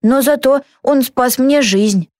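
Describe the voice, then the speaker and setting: Cocky little seahorse guy, high and boastful, put on by a woman reader, dry. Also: slow, darkish tone, no room sound.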